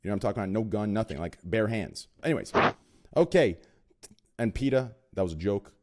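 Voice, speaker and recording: A man with a lowish, warm voice and lively intonation hosts a podcast at a slightly fast pace. Casually chatting, he introduces guests with rambling, self-aware jokes and frequent fillers.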